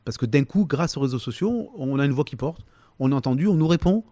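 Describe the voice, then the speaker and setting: A man in his fifties with a Provençal accent, answering interview questions in a halting way, full of fillers and restarts. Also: medium pitch, animated, warm tone, no room sound. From southern France, Toulon. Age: 50s. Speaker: comedian, interview guest.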